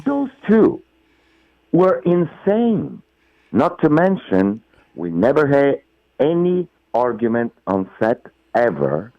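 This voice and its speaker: Middle-aged Bulgarian-accented actor, slow and emphatic, gushing praise, dry and muffled phone audio. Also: male voice, medium pitch, dry recording. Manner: effusive, emphatic, non-native phrasing. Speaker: actor guest. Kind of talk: phone interview.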